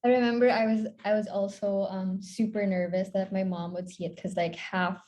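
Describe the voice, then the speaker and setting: This young Filipina woman in her twenties is a content creator appearing as a podcast guest, chatting casually and giggling. She rambles with plenty of fillers, speaking at a moderate pace with medium pitch, a flat delivery, and a warm tone.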